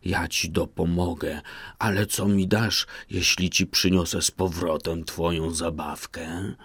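A man's voice: deep voice, fairly even intonation, measured pace, fairly bright tone, husky, no echo, exaggerated voice. A man voicing a persistent old female frog in a storybook reading, coaxing and bargaining. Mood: soothing. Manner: coaxing, bargaining, close to the reader's own voice.

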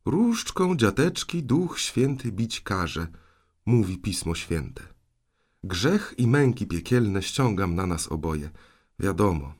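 A man voicing a scolding but soft-hearted elderly aunt in an audiobook, exclaiming and fretting. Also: fairly low pitch, sing-song, takes it slowly, full character voice.

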